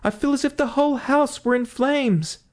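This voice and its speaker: A man voicing a frightened wife who speaks in shrill panic. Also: moderate pace. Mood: terrified. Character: wife in dread, frantic and fearful.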